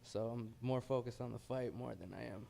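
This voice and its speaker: American guy boxer chatting before a fight, fairly flat gravelly voice, low rumble behind him. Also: a little fast. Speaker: heavyweight boxer. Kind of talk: casual pre-fight interview.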